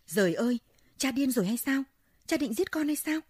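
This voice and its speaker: A woman's voice: fairly low pitch, moderate pace, dark tone, slightly rough, no room sound, clean studio sound. A woman voicing a wild young son who screams and pleads in terror, in a told folk story. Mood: terrified. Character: young man, wild unruly son, terrified.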